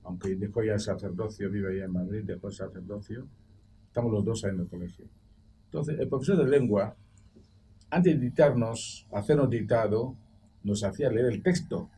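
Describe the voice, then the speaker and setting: Older man telling animated anecdotes, mellow. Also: on the low side, moderate pace, husky. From Equatorial Guinea. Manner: animated anecdote-teller, acts out quoted voices. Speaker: debate guest, former school director. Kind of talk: roundtable debate. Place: TV studio. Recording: distant mic with faint background noise.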